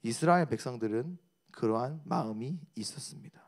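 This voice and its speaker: A man's voice: medium pitch, animated, a little fast. A man preaching a sermon to a youth service, acting out people's complaints with drama. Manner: dramatic, acts out quoted complaints. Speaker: youth pastor. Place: church service.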